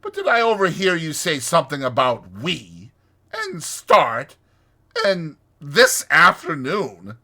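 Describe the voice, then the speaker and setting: Sniffy, obstinate storybook rat acted by a male reader, raised pitch, sharp, slow and emphatic. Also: wildly swooping pitch, heavily acted. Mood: indignant. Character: stiff, stubborn, sniffy male water rat. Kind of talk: dramatized storybook reading.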